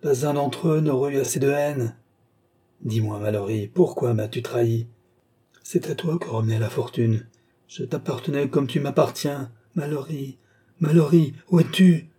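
A man reading aloud, voicing a frenzied noblewoman who confesses to murders in a hushed, raving voice. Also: medium pitch, moderate pace, husky. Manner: feverish, raving, hushed then rising.

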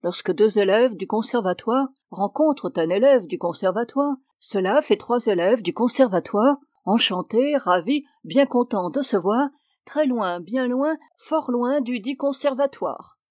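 A woman narrating a story, reading in a measured and expressive way. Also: on the high side, no room sound, clean studio sound.

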